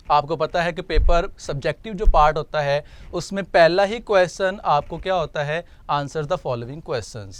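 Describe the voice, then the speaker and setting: A male teacher with a Pakistani accent giving an online textbook lecture, explaining each word slowly in two languages. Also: sits high, smooth, dry recording. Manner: slow, deliberate, explains words in two languages.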